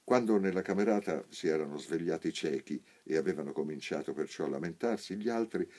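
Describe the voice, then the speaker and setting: A man, an actor, reading a novel aloud in a measured, unhurried storytelling manner. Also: animated, darkish tone, breathy edge. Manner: measured, unhurried storytelling, raising pitch for quoted characters. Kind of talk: literary audiobook reading.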